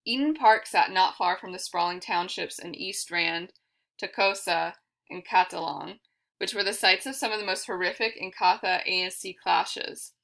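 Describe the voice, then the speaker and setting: A woman reading a memoir aloud for a library, in a steady, measured storytelling manner. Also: lowish voice, vocal fry. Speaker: library reader.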